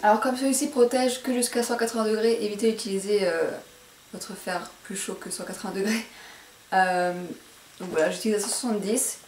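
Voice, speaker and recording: A woman's voice: medium pitch, fairly even intonation, a little fast, darkish tone, slight background noise. A woman with a posh French accent talks through a hair tutorial, hesitating and correcting herself with many fillers. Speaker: beauty vlogger. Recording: echoey room, mic at a distance.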